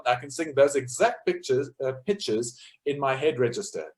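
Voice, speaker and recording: Speaking at a moderate pace with lively intonation, this man has a medium-pitched, slightly mellow voice. He gives an informal lecture on choral music with sung demonstrations, explaining things step by step and thinking aloud with frequent fillers.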